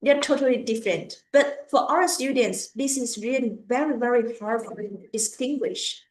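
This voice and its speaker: A woman giving a lecture on language teaching, speaking haltingly and repeating words as she goes. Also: fairly high pitch, reverberant, low-quality recording.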